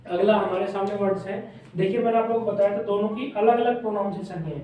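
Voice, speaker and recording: A man teaching a shorthand lesson at a whiteboard, drilling words by repeating them slowly. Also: high voice, fairly even intonation, warm tone. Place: classroom with whiteboard. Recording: very echoey room, mic far off.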